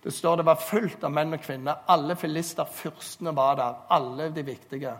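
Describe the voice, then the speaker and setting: A man's voice: a little high, fairly even intonation. A man preaching a sermon, telling stories and urging listeners earnestly, recorded in a church hall. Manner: storytelling, earnest exhortation. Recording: long hall reverb.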